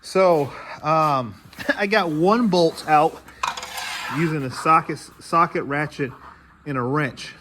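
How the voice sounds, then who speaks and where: A man with a fairly high voice narrates his garage work in a casual vlog, half talking to himself as he wrenches under an old truck. Steady background noise from the shop runs under his voice. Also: takes it slowly, reverberant. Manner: talks to himself while working, mutters. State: out of breath, coughing from dust. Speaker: YouTube garage host.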